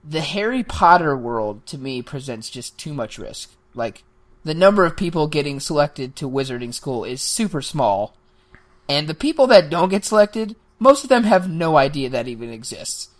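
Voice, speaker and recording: A man riffing with friends on a podcast, his voice sitting a little high. He rambles and jokes in an animated, offhand way. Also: normal speed. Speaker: podcast co-host. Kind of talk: casual banter.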